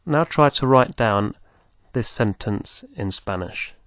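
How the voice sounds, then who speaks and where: A man teaching beginners, speaking slowly and patiently, repeating words for the listener to copy. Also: mid-range voice, animated, fairly bright tone, no room sound, clean studio sound. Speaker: language teacher. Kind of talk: slow, patient teaching with pauses.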